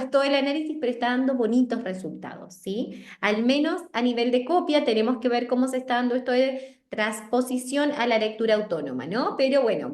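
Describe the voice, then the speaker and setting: Woman presenter on a video call, higher voice, echoey room, tags "right?" onto her points. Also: darkish tone. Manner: explanatory, checks in with frequent tag questions. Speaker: literacy presenter. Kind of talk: explaining reading strategies in an online meeting.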